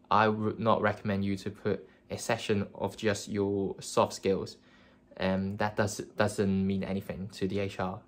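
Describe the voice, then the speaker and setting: Earnest and prone to fillers and restarts, a young man from Hong Kong gives casual career advice straight to camera. His first language is Cantonese, and he speaks in a low, flat tone.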